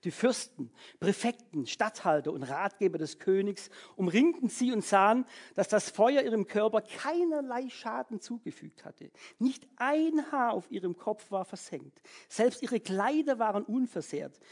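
A preacher giving a lively, casual sermon, keeping the listeners engaged with frequent check-in questions. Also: medium pitch, unhurried, hardly any pauses. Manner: animated, keeps checking in with "ja?".

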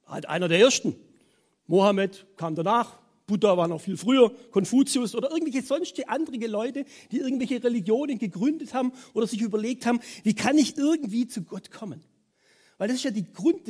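Male preacher, informal and animated, slightly husky. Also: very high-pitched. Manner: animated, informal, with many filler words. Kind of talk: conversational sermon.

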